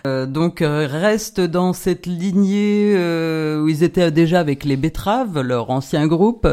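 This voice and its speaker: Speaking slowly in a low, dark-toned voice, a woman guesting on a radio show presents upcoming concerts. She is the concert programmer, and her playful chat is full of hesitant fillers.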